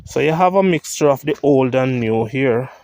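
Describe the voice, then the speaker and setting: A man with a Jamaican accent, walking through a churchyard cemetery on a vlog, reading grave inscriptions aloud and thinking out loud. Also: medium pitch, animated, normal speed. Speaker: vlogger.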